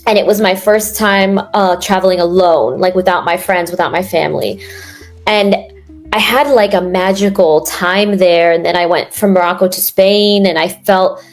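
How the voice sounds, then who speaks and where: A woman's voice: lowish voice, fairly even intonation, normal speed. Chatty young woman from New York. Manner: rambling, many fillers and restarts. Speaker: guest. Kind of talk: casual interview chat.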